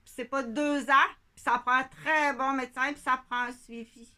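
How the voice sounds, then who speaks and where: Quebec French woman, piercing bright tone, digressive monologue, keeps asking "ok?". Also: sits high, fairly even intonation, normal speed. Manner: digressive, repeats herself, asks "ok?" often. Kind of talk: rambling monologue.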